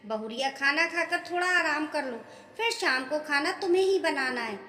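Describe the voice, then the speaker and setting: A woman's voice: high-pitched, expressive, moderate pace, pushed and bright. Woman doing a firm old village grandmother. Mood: stern. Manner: firm, lecturing. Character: stern but kind village grandmother. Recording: echoey room with long reverb.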